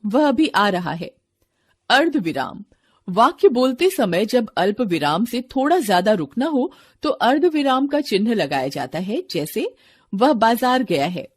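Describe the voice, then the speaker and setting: A woman narrates a textbook lesson for children, addressing them directly. Her pitch rises and falls in a lively way, and her voice carries a slight huskiness. She keeps a steady, deliberate classroom manner. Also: slightly rough. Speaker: teacher reading a textbook lesson.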